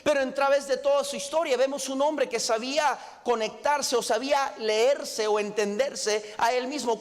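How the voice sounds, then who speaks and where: A pastor with a strikingly high voice delivers a sermon in a church auditorium. He drives his points home with strings of questions and climbing emphasis. The sound carries a long reverb from the hall around him. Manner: preaching with rising emphasis and repeated questions.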